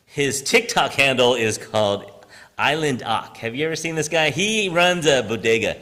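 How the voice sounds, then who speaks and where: A man's voice: medium pitch, animated, moderate pace, bright, forceful tone. Guy giving a chatty sermon, voice bounces all over, church hall reverb. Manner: conversational, asks "right?" often, laughs at himself. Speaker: preacher and high school teacher. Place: church sanctuary.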